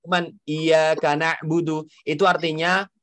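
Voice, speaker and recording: A man's voice: fairly high pitch, little pitch movement, measured pace, fairly bright tone, no echo, studio quality. A young man teaching children, enunciating carefully, playful and encouraging. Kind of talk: children's lesson.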